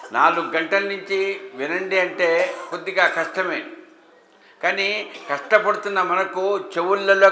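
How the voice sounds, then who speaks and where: A man's voice: sits high, pushed and bright. A man giving a devotional discourse to a gathered audience, asking rhetorical questions with emphasis. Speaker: religious speaker. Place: temple hall with an audience. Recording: echoey hall, faint ambience.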